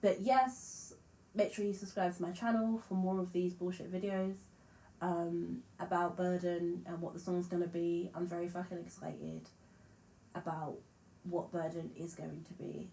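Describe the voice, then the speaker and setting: A woman musician talks to camera in a loose, frank vlog style, swearing casually and poking fun at herself. Her voice sits a little low and carries a slight lisp. The room around her adds a noticeable echo. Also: level tone, unhurried, gravelly, mellow. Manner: frank, chatty, swears freely, self-deprecating. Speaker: musician vlogger.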